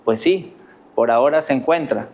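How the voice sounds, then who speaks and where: Here an Ecuadorian-accented pastor delivers his sermon at a normal speed in a mid-range, darkish voice. His tone is earnest, and he keeps asking the congregation rhetorical questions.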